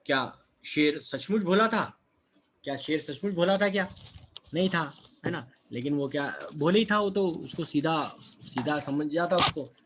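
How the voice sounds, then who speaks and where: There's a faint hiss or hum behind this slightly high male voice. He's teaching from a children's textbook, answering his own questions and checking in with tag phrases such as "है ना" and "ठीक है" as he repeats words.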